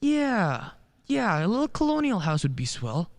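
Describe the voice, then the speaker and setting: Someone playing a lively, swooping young lawyer. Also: medium pitch, unhurried. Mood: affable. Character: friendly young male lawyer, wry and eager. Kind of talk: stage-style radio play acting.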